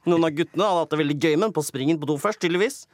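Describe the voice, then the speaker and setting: A man, a comedy show host, giving theatrical mock-dramatic documentary narration that swings between booming and hushed. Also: no echo, clean studio sound.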